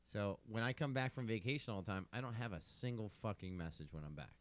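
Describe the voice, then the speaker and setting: A man's voice: lowish voice, quick pace, no echo. A man co-hosting a podcast, telling rambling, profane stories in casual banter. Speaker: podcast co-host.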